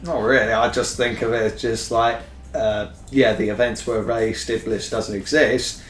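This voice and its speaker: A man's voice: medium pitch, steady tone, normal speed, reverberant, faint music behind. A man co-commentating a video game playthrough in casual chat, dropping dry, wry remarks. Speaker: let's play co-commentator.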